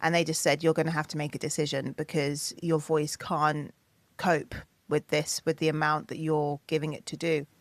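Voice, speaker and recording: In a dry recording, a woman with a low-sitting voice speaks at a normal pace during a podcast interview. She's a singer and producer in her thirties who tells lively stories, raising her voice to act out what others said.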